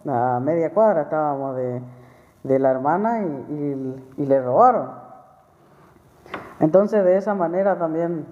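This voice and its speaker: Man preaching in an echoey church hall. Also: mid-range voice. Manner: conversational, repeats phrases, frequent tag questions. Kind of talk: sermon testimony. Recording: tinny phone-like sound with long hall reverb.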